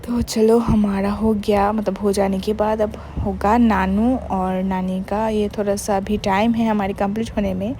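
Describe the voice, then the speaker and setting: Young woman vlogger, easy chatty voice-over, mellow tone, light English mixing. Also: medium pitch, little pitch movement, a little slow, hardly any pauses, a little hiss or hum. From Bengal, India. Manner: chatty, mixes in English words, many "matlab" fillers. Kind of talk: casual vlog voice-over.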